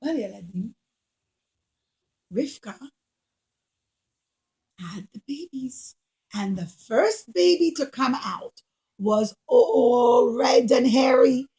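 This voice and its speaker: A woman with a high voice tells a children's puppet story, using simple, expressive phrases. Like a teacher, she encourages her young listeners, speaking slowly with long pauses.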